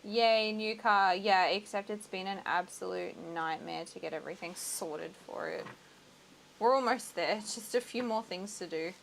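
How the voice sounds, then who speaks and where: A young Australian woman hosts a livestream, chatting casually as she works on a craft project. Her voice sits at an everyday middle pitch, and she laughs easily between thoughts. A faint hiss runs under the recording. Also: moderate pace, gravelly, fairly bright tone, rough recording. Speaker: livestream host. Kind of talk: casual chat while crafting. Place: home crafting setup.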